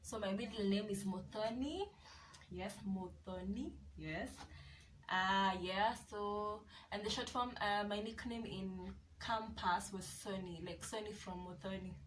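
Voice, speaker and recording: A young Kenyan woman vlogs in a casual, chatty way, often circling back with little yeses. Her voice sits at an ordinary middle pitch. She is a bit off-mic, and a faint hum of room noise sits underneath. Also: measured pace, distant mic, poor audio. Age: 20s. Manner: chatty, repeats herself with many yeses. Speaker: vlogger. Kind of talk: casual chat to camera.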